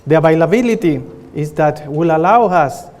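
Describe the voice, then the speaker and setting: Man, Chilean Spanish accent, middle-aged, conference presentation, earnest, fillers and restarts, slightly high voice, reverberant hall. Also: animated, moderate pace, a little mellow. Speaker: pathologist presenting research.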